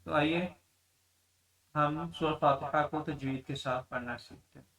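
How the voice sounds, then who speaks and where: A man teaching a tajweed lesson, explaining mistakes in plain speech and then chanting the verses slowly. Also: on the high side, steady tone, a bit bright, distant mic, poor audio. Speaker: Quran recitation teacher.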